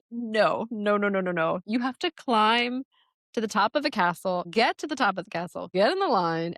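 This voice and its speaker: A woman's voice: medium pitch, a bit bright, dry recording, studio quality. A middle-aged woman from New Jersey hosting a podcast, telling a travel story in a chatty way, laughing often and acting out quotes. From New Jersey, USA. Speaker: podcast host. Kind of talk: casual storytelling.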